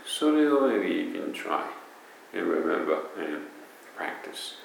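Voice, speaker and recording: Kansai-accented male pronunciation teacher, low gravelly voice, lively pitch, very echoey room. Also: slow, far from the mic, a little hiss or hum. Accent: Kansai Japanese. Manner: chatty, demonstrates sounds aloud. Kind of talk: casual spoken lesson.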